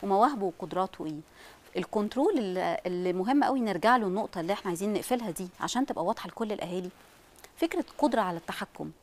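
A woman with an Egyptian Arabic accent talks at a breakneck pace as a parenting specialist. She is animated and slips into the voices of the parents she describes, all in a mid-range voice. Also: medium pitch. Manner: animated, acts out what parents say. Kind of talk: studio talk show discussion.

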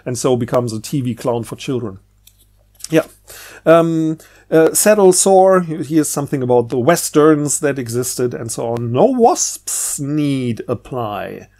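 Presenting a book in an unscripted vlog, a man rambles casually and haltingly, often trailing off and rephrasing. His voice sits at medium pitch with a darkish tone and some vocal fry.

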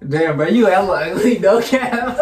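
A young man guesting in a friend's video, laughing often and teasing back. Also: sits high. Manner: giggly, teasing. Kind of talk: casual banter. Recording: echoey room, distant mic, faint noise.

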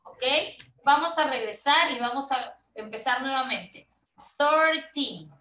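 A woman's voice: high-pitched, measured pace, sharp tone, reverberant, far from the mic, a little hiss or hum, poor audio. A woman teaching English to children in an online class, patient, repeating herself and checking that the kids follow along. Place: room at home on a video call. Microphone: laptop mic on a video call.

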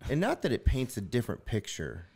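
A man's voice: medium pitch, wildly swooping pitch, fairly quick, darkish tone, husky. A man hosting a podcast in a studio, talking in a loose, reflective way with lots of fillers. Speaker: podcast host. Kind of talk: casual chat.

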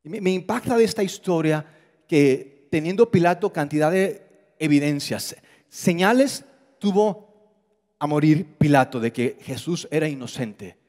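A man with a high-pitched voice delivers an animated sermon. He acts out quoted voices and drops to a hushed low register for emphasis. His voice rings with the long reverb of a church hall. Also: a little slow. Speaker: pastor.

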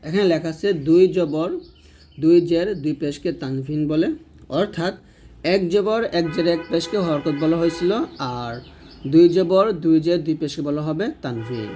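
A man with a Bangladeshi Bengali accent and a fairly high voice, teaching a recitation lesson. He talks briskly, naming each letter and mark before sounding it out. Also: mellow, faint music behind. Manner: brisk, spells letters then sounds them out. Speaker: Quran reading teacher.

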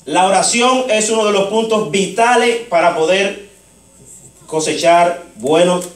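Man, preacher, sermon, storytelling, acts out dialogue, high voice, roomy church echo. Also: unhurried. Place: church sanctuary. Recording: echoey church, mic far off.

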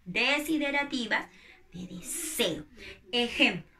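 Patient teacher, higher-voiced woman. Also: lively intonation, takes it slowly, sharp tone, echoey room. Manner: patient, asks pupils questions and answers them herself. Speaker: primary school teacher. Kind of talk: recorded grammar lesson for young children.

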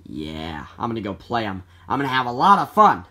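A performer voicing a dim, excitable male animatronic bear in a homemade puppet skit, who keeps swinging between shouts and mumbles. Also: mid-range voice, fairly quick, voice pushed down. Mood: goofy.

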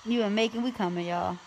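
Lying in bed in her bedroom, a woman with a Baltimore accent livestreams from her phone, chatting casually, teasing her viewers and cursing as she addresses them. Her voice is medium-pitched with a darkish tone.

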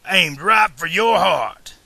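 A man voicing a brutish male outlaw gunslinger who shouts sneering taunts. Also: high-pitched, expressive, takes it slowly, gravelly, no room sound, pitched above the performer's own voice, heavily acted. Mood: menacing.

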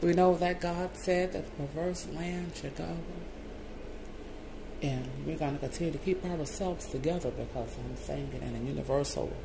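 Someone prays aloud at length in a mid-range, gravelly voice, the rambling prayer wandering through loose phrases and returning again and again to "Lord God." Background noise can be heard.

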